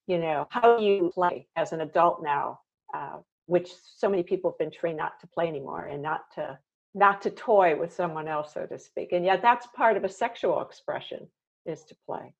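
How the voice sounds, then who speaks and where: Low-voiced woman musing in conversation. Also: normal speed, creaky. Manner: reflective, rambling with many fillers. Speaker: host. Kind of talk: casual conversation. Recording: dull lo-fi sound.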